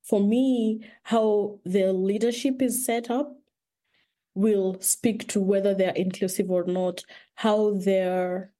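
A woman's voice: medium pitch, steady tone, slow, warm tone. A woman from Kenya, a guest in a conversational interview, talking thoughtfully with frequent restarts.

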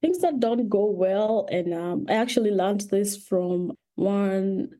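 A woman's voice: medium pitch, takes it slowly, dark tone. A woman from Kenya, a guest in a conversational interview, talking thoughtfully with frequent restarts.

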